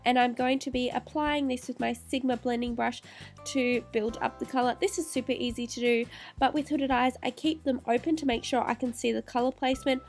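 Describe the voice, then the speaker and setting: A woman talks through a makeup tutorial, her voice nasal and stuffed up from a cold. Her voice sits a little high, and she keeps up a chatty flow with apologetic asides. Soft music plays faintly underneath. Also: fairly even intonation, fairly quick. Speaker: beauty vlogger.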